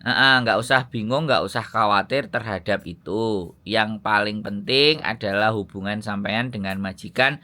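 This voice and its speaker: A man's voice: on the low side, normal speed, sharp tone. Javanese man giving fatherly advice. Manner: fatherly, lecturing, mixing in Javanese words. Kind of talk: casual phone chat.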